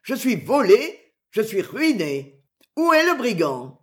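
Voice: medium pitch, big pitch swings, unhurried. A reader voicing an angry, blustering middle-aged tinker who has been robbed, in an audiobook. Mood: outraged. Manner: loud, blustering, complaining. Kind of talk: audiobook character voice.

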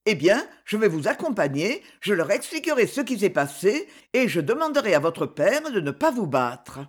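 A kind young noblewoman comforts and stands her ground in a soft, steady voice, voiced by a woman reader. Her speech has a lively melodic lilt, as in a storybook reading. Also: medium pitch, normal speed, husky. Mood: kind firm. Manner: soft, reassuring, resolute. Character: gentle young noblewoman, kind but firm.

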